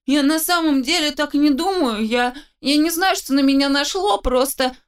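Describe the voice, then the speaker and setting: A woman doing a shrill, whiny young man. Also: moderate pace, natural voice. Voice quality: shrill, nasal whine. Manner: sugary, sneering, then wheedling. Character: young male suitor, smug and whiny. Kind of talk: audiobook narration.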